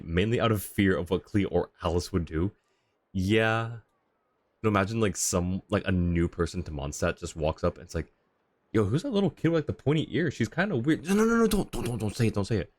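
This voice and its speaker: A game livestreamer with a low-sitting, expressive voice banters casually with viewers, stopping and interrupting himself as he comments.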